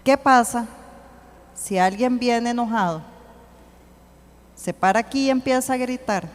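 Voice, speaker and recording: A woman giving an earnest church teaching, slowing to read scripture aloud. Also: fairly high pitch. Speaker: church speaker. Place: church hall. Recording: long hall reverb.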